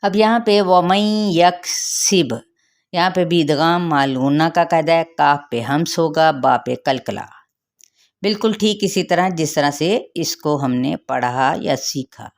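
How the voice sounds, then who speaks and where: Low-voiced Pakistani woman teaching tajweed. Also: expressive. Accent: Pakistani Urdu. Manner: explains each letter slowly, then recites verses in a higher voice. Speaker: Quran recitation teacher. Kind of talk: tajweed lesson with recitation.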